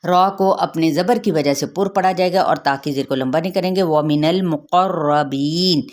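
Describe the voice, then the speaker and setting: A woman gives a tajweed lesson. She explains each recitation rule patiently, checks in with her students often, and then recites the words slowly and carefully. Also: lowish voice, darkish tone. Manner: patient, repeats rules, checks with "theek hai". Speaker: Quran recitation teacher.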